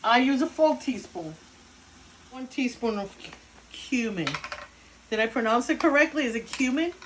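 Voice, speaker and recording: A woman's voice: on the high side, animated, moderate pace, fairly bright tone, a little hiss or hum, poor audio. Chatty woman with a Cuban accent. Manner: chatty, explains each step to viewers and jokes with the cameraman. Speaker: home cook demonstrating a recipe. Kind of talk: casual cooking demonstration. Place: home kitchen.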